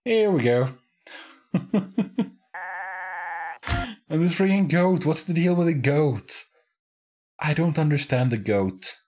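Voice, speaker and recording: A man's voice: a little high, lively intonation, slow pace, pauses often, darkish tone. A man hosting a reaction video, making wry, chuckling asides. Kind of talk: casual reaction commentary.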